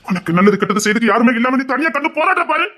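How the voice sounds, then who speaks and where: An actor with a Tirunelveli Tamil accent playing a desperate young man who pleads with his lover, swinging from hushed pleas to shouting. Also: very high voice, animated, rapid-fire, heavily acted. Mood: impassioned. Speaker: actor in a romance drama. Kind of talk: emotional drama acting.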